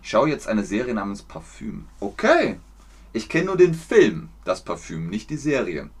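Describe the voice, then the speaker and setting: A man from Germany teaching German on a livestream, explaining slowly, clearly and patiently. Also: on the low side, sing-song. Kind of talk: livestream language lesson.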